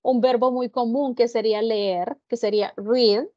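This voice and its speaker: A woman's voice: fairly high pitch, steady tone, darkish tone, no echo, muffled recording. A woman teaching English grammar in Spanish to an online class, explaining patiently and asking students if they follow. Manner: patient, explains slowly, addresses students directly.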